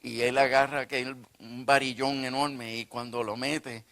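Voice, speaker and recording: Male preacher, animated storyteller in a sermon, bright and forceful voice. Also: mid-range voice, unhurried. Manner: animated, acts out dialogue. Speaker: pastor.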